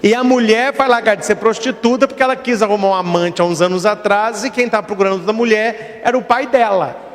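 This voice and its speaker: High-voiced Brazilian priest preaching emphatically. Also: male voice, a little fast, in a large hall. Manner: emphatic preaching, acts out quoted voices in short stories. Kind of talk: sermon.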